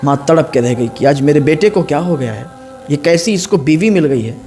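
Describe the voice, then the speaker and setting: A man's voice: animated, fairly quick, mellow, faint music behind. A male Islamic preacher telling a moral story, acting out the voices of the people in it. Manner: acts out quoted voices, rising in pitch and force. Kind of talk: emotional storytelling sermon.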